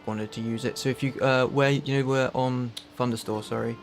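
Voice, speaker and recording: Gravelly London man, flat voice. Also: medium pitch, a little fast. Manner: reading out a list of mods, laid-back. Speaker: streamer. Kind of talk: casual gaming chat.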